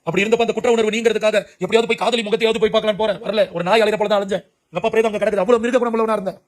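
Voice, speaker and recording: A man's voice: high voice, fairly even intonation, rapid-fire. Male preacher, emotional testimony sermon, rattles along at breakneck speed, urgent and impassioned. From Puducherry, India. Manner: emotional, urgent, cries out to young listeners. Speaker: preacher giving his testimony.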